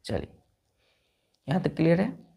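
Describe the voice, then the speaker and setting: A woman's voice: low-pitched, very animated, a little slow, vocal fry, dark tone, husky. A woman teaching an English vocabulary lesson to students with an Indian accent, spelling words out letter by letter and often checking whether they follow.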